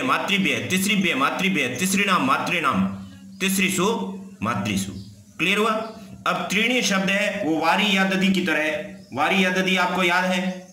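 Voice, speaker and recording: A man's voice: high voice, sharp tone. A man teaching Sanskrit grammar, reciting word forms and often checking "ठीक है ना?". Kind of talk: classroom grammar lesson. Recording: echoey room.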